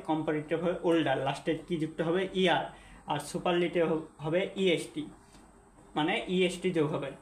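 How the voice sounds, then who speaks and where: Echoey male teacher explaining at a whiteboard. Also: fairly high pitch. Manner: repeats and spells out words, asks the viewer questions. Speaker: English teacher. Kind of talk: classroom-style lesson at a whiteboard. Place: classroom or room with a whiteboard. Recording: echoey room with faint background hum.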